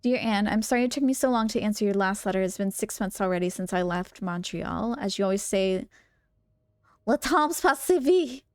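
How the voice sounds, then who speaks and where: A woman's voice: mid-range voice, quick pace, few pauses, clear, resonant tone, no room sound, studio quality. Streamer woman reading letters aloud. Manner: expressive, reacts with gasps and laughs. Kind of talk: let's play commentary, reading notes and letters aloud.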